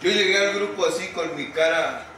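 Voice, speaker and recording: Recorded from a distance in a noisy, echoing hall, a Mexican man gives his recovery testimony at a group meeting. His voice is high, pushed, and bright, at a moderate pace, and he speaks in a colloquial, profane way while acting out quotes.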